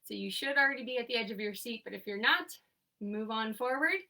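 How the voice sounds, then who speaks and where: A young exercise instructor counts reps and fires off short, upbeat cues while leading a seated class remotely from home. Her voice is a little high, gravelly, bright and forceful, delivered very fast, and the mic is distant.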